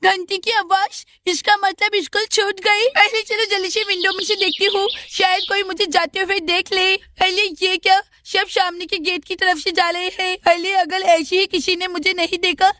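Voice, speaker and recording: A woman's voice: very high voice, flat delivery, moderate pace, hardly any pauses, bright, forceful tone, dry recording. A woman voicing a frightened little schoolgirl doll in a storybook, talking in an anxious, pleading way and calling out again and again. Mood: worried, pleading. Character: scared little schoolgirl doll locked in a toilet.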